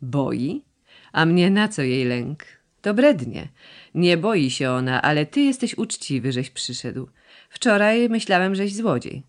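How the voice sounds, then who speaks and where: A woman's voice: deep voice, sing-song, measured pace. Woman voicing a cold, curt giant of a man. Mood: stern. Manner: curt, blunt questions.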